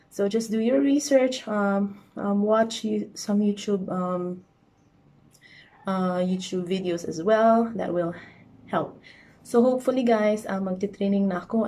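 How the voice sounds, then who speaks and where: Young filipina vlogger, chatty and easygoing, lots of ums, filipino accent. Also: female voice, medium pitch, dark tone. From Philippines. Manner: chatty, mixes English and Tagalog, many fillers. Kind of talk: casual chat.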